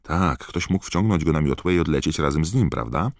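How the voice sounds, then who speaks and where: A man voicing an excitable teenage boy wizard who talks fast and gets indignant. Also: extremely low pitch, no room sound, studio quality, full character voice. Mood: agitated.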